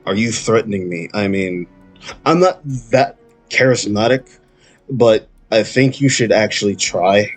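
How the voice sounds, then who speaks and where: A man's voice: lowish voice, a little slow, soft background music, rough recording. A man voicing a blunt, skeptical adventurer who distrusts a stranger. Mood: challenging. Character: wary, blunt male adventurer named Drift.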